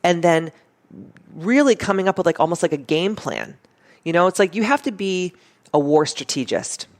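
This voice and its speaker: A woman's voice: lowish voice, normal speed. A woman guest in a casual interview, telling stories bluntly, swearing freely and acting out what people said. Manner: animated, blunt, swears freely, acts out quotes. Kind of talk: casual storytelling chat.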